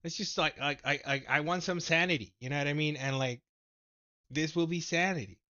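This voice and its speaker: The recording is muffled as a man briskly hosts a casual livestream about the stock market, laughing, animated, and swinging from low mumbling to loud exclamations.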